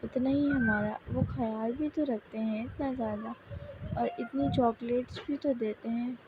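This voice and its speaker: A woman's voice: on the high side, fairly even intonation, moderate pace, narrow, tinny audio, noisy background, lightly acted. A woman voicing a sweet, loyal little girl who coaxes and comforts her older sister-in-law, in a narrated story. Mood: coaxing.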